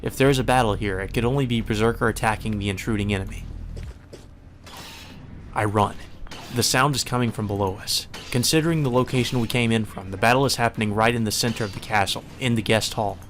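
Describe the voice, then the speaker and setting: A man hosting a let's play reads a visual novel aloud as narration, dropping in informal side remarks and swearing in his asides. His voice is lowish and fairly bright, a little fast, with background music playing behind it and a little hiss or hum.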